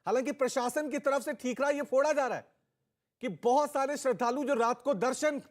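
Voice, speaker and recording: Male anchor, very high voice, urgent questioning, studio bulletin. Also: a little fast. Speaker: news anchor. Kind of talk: studio news reading.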